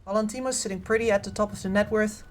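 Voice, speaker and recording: A woman's voice: medium pitch, fairly even intonation, fast talker. A woman giving analytical live commentary on a video game match as a co-caster. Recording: faint game noise behind.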